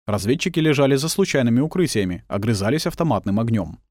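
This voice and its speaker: A man's voice: mid-range voice, animated, quick pace, a little mellow, no room sound, clean studio sound. A man reading a war novel aloud as scripted audiobook narration.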